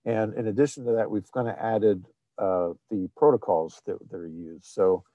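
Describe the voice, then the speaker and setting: Halting man presenting a technical webinar. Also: on the low side, fairly even intonation, dry recording, lo-fi sound. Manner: halting, many fillers and restarts. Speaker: presenter of an online technical seminar. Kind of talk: screen-shared webinar presentation.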